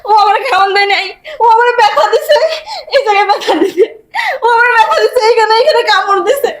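An actress playing a hungry, childlike homeless madwoman who begs insistently for food, in a whiny, shrill voice. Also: expressive, fairly quick. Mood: wailing. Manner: begging insistently.

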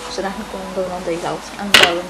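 With a fairly low voice, fast delivery and little pitch movement, a teenage girl rambles chattily and mumbles as she cooks during a bedroom vlog. The small indoor room is recorded on a close camera mic, with loud music underneath creating heavy background noise.

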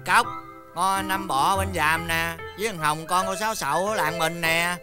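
A man's voice: high-pitched, moderate pace, natural voice. An actor playing an exasperated older village fortune-teller and father in a comedy sketch. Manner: exasperated, theatrical sighing and laughing. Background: background music.

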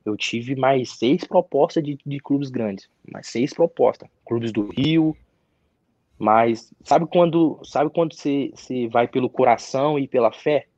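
Young male athlete guest, mid-pitch, casual halting storyteller; dry, muffled sound. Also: darkish tone, no room sound. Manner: halting, repeats words and restarts, frequent tag questions. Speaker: interview guest, professional footballer. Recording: dry, slightly dull audio.

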